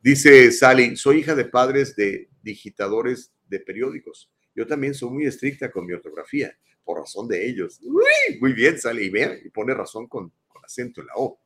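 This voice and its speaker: A man's voice: medium pitch, very animated, normal speed, fairly bright tone, slightly rough. A man hosting a live talk show, casually chatting and reading out viewer comments with a self-deprecating, slangy manner.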